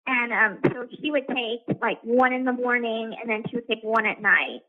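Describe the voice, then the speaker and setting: A woman's voice: on the high side, moderate pace. A woman speaking from a prison payphone call, talking in a hesitant, rambling way with many fillers. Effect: prison payphone call over a tinny phone line. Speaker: inmate calling from a correctional facility. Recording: tinny phone line.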